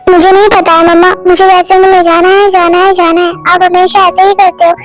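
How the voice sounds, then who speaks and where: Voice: extremely high pitch, little pitch movement, fairly quick, soft background music. A voice actor playing a stubborn little boy in an amateur fan dub, whining and pleading to see his father. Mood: whiny. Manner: whiny, pleading.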